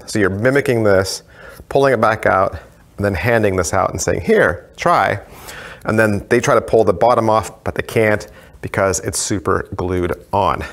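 A man with a somewhat low voice walks a class through a simple magic trick. He keeps it relaxed and conversational, explaining each move while he demonstrates it. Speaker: magic teacher. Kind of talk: casual how-to tutorial.

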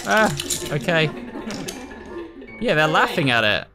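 A British gaming video host gives chatty, casual commentary to his viewers while playing a horror game. His voice is a little high, sing-song and slow, and it's recorded over ominous game music.

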